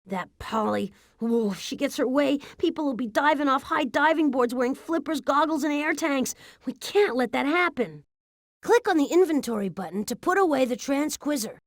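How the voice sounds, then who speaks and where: A woman's voice: sits high, expressive, moderate pace, dry recording, studio quality. A woman voicing an eager, cheerful little robot who guides the player through an educational game. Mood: upbeat. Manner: upbeat, instructive. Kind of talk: 1990s educational game voice acting.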